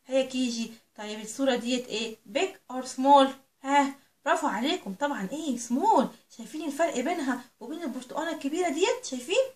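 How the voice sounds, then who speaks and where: An Egyptian woman teaching English to young children, stretching out the English words slowly and quizzing the kids with questions. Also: on the high side, reverberant. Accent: Egyptian Arabic. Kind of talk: recorded lesson for young children.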